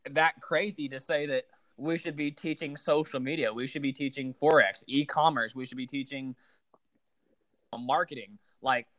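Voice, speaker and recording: In a dry recording, a podcast host of twenty chats casually, loose and profane with plenty of fillers. His pitch is medium, his intonation fairly even, his speed normal and his tone fairly bright.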